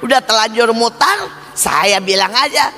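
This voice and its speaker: A man preaching with a high, bright and forceful voice, telling a story with emphatic energy and calling out to the congregation again and again. His voice rings through a large reverberant hall with music playing softly underneath. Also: moderate pace. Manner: emphatic storytelling, constantly addressing listeners as brothers. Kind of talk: sermon testimony.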